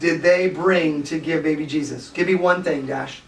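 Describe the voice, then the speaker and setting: A man's voice: fairly high pitch, steady tone, moderate pace, gravelly, a little hiss or hum. A man teaching a children's Bible class, encouraging the kids and prompting them with questions. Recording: echoey room, mic far off.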